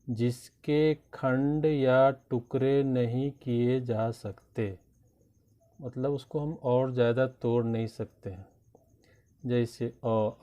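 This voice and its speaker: Slow patient guy teaching kids grammar, mellow voice, kinda dull lo-fi sound. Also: mid-range voice. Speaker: Hindi teacher. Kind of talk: classroom lesson explaining grammar.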